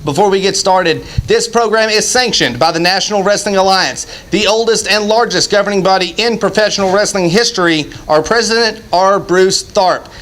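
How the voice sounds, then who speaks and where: High-voiced male wrestling show host. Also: normal speed, hardly any pauses, fairly bright tone. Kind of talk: scripted show opening with casual banter.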